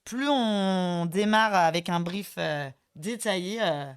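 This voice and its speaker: A woman's voice: lowish voice, slow pace, clear, resonant tone. A woman co-hosting a webinar, explaining things in a chatty, teasing way. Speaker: co-host of a company webinar. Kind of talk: casual webinar chat.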